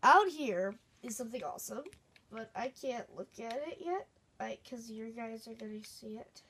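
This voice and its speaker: A woman's voice: a little high, animated, moderate pace, fairly bright tone, a little hiss or hum. A woman casually chatting as she hosts her own gameplay video, rambling and playful. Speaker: gaming video host.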